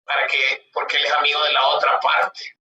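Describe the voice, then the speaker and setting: A man's voice: on the high side, monotone, moderate pace, bright, forceful tone, lo-fi sound. A man lecturing on law, reading legal articles aloud and explaining them in a conversational way, often asking rhetorical questions. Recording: roomy, distant mic with background noise.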